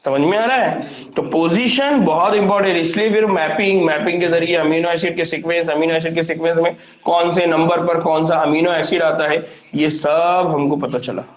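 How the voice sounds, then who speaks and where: High-voiced male teacher quizzing his class. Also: normal speed, hardly any pauses. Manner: quizzes the class with constant questions. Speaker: biology teacher. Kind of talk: classroom lecture. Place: classroom with students. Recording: echoey, dull classroom recording.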